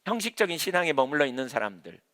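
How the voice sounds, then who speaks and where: A man's voice: fairly high pitch, very animated, rapid-fire, fairly bright tone. A man preaching an evening sermon in church as its pastor, emphatic, repeating key phrases and asking rhetorical questions. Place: church, evening prayer service. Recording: reverberant church hall.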